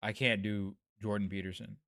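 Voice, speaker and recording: A man's voice: on the low side, level tone, moderate pace, gravelly, pushed and bright, dry recording, studio quality. A man hosting a casual late-night news livestream, talking in a self-deprecating way and trailing off. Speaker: livestream host covering news.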